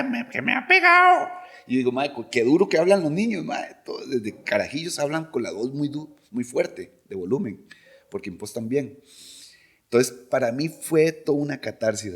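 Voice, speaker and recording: Un hombre de unos cincuenta años con acento costarricense, cantante invitado a un podcast, que narra anécdotas de forma animada e imita las voces de otros. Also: male voice, mid-range voice. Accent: Costa Rican. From Costa Rica. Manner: animated, imitates voices of people in his stories. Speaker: singer, podcast guest. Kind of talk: casual interview storytelling.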